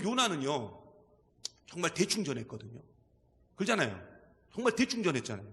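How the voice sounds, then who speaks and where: A male pastor preaching a sermon with emphatic delivery, dropping to quiet asides and rising to shouts. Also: high-pitched, big-room sound. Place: church sanctuary.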